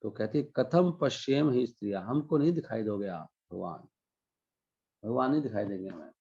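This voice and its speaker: A man giving a devotional discourse, explaining scripture line by line and chanting Sanskrit verses slowly. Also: on the low side, expressive, mellow, slightly rough, highs cut off. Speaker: spiritual teacher.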